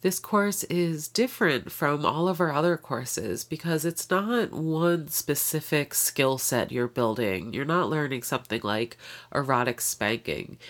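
Congested low-voiced woman podcast host. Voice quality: nasal. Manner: chatty, upbeat. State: congested with a cold. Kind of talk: casual podcast intro.

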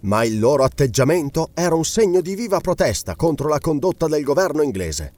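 Male audiobook narrator, animated delivery, a bit high. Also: fairly quick, no room sound. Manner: expressive, varied storytelling.

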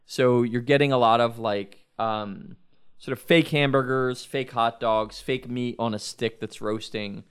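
A man narrating a tabletop role-playing game as game master, in a loose, halting way with many fillers and restarts. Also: mid-range voice, fairly even intonation, clean tone.

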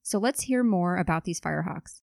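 Low-voiced female podcast host. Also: moderate pace, gravelly, darkish tone, no echo, studio quality. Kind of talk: scripted introduction and interview questions.

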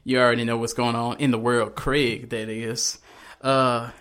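A man's voice: medium pitch, level tone, unhurried, fairly bright tone, clean tone. A man hosting a podcast, drunk and joking loosely, laughing often. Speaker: podcast host. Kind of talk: casual podcast chat.

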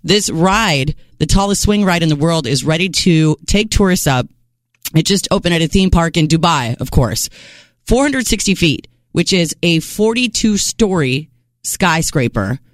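A man hosting a rock radio show, joking and riffing in quick, hyped banter from a studio mic. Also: fairly high pitch, expressive, no echo. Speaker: radio host. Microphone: studio microphone.

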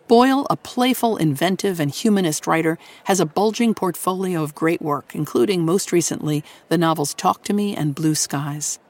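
A woman with a voice on the low side hosts a radio show, delivering a scripted introduction to a story. She's measured and articulate, with deliberate pauses.

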